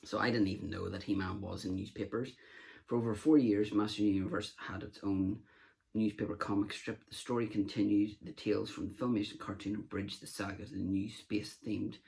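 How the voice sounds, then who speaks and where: A man's voice: on the low side, flat delivery, brisk, creaky, darkish tone. A man hosting a collector vlog, talking casually and rambling through his books. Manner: rambling, with many fillers and restarts. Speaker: collector video host. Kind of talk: casual show-and-tell vlog.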